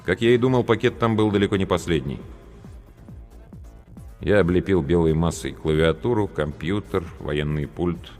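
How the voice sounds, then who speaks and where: A man narrating an audiobook story in a measured, grave storytelling manner. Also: extremely low pitch, darkish tone. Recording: long reverb with faint music.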